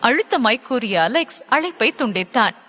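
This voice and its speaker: A woman narrating a dramatic audiobook in a measured, scripted way. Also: on the high side, lively intonation, bright, forceful tone, in a large hall, a little hiss or hum.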